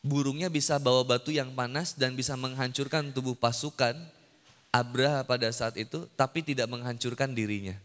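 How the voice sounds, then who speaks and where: A man's voice: medium pitch, steady tone, brisk, fairly bright tone. A man giving a casual, humorous sermon to young people, teasing the audience with playful questions. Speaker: preacher. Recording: long hall reverb.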